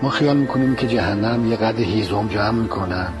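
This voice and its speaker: A man preaching a religious sermon in a declamatory way, listing point after point. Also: lowish voice. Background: music.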